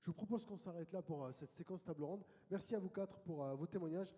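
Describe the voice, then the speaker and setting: A man moderating a conference panel, his voice dark and low in tone though a touch higher than most. He welcomes and directs guests in a brisk, friendly way. The sound rings with long reverb from a large hall.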